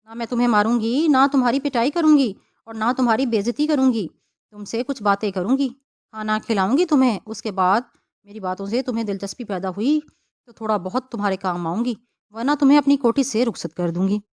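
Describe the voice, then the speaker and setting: A woman voicing a wealthy, kindly lady who talks in a soft, coaxing way. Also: fairly high pitch, natural voice. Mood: gently amused.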